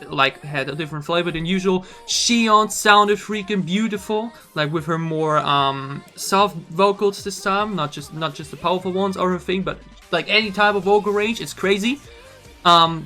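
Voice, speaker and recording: A man reviewing songs in an excited reaction video, talking emphatically with lots of slang while losing his voice a little. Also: sits high. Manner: enthusiastic, emphatic, says "y'all" and "freaking" often. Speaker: music reaction YouTuber.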